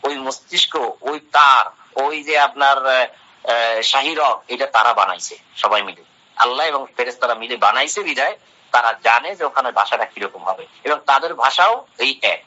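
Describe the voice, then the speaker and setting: Bright-voiced man giving an Islamic talk. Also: medium pitch, lively intonation, normal speed. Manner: translates Arabic phrase by phrase, asks and answers his own questions. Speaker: Islamic lecturer. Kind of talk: religious talk explaining Quran verses. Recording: dull lo-fi sound.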